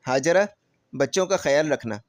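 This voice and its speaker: A man playing a gentle father who gives calm, kindly instructions. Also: on the high side, no room sound, lightly acted.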